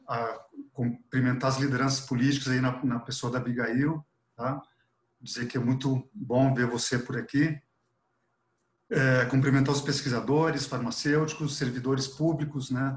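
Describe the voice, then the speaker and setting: A middle-aged man from Chile, a professor speaking unscripted and earnestly on a video call with a headset, dropping frequent fillers. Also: medium pitch. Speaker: professor, webinar panelist. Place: office with artwork behind. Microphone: earphone headset on a video call. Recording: echoey room on a video call.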